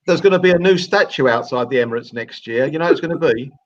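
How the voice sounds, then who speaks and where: A man's voice: on the high side, expressive, fast. A laid-back man, chatting casually as a fan panelist over a conference call. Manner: laid-back, calls others kid. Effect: heard over a conference call. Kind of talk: casual chat. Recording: muffled lo-fi call audio.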